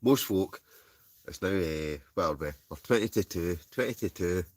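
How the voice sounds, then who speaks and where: A man's voice: low-pitched, animated, moderate pace, no room sound. A Scottish man chatting casually to livestream viewers in a rambling, chuckling, easily sidetracked way. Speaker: livestream host. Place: inside a tent.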